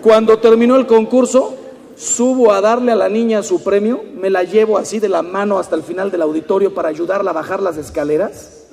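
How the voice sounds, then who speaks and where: A Mexican priest in his fifties giving an animated talk, telling anecdotes and acting out the people in them. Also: high voice, a little fast, gravelly, some chatter behind, slight background noise. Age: 50s. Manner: storytelling, animated, mimics people in quotes. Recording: long hall reverb.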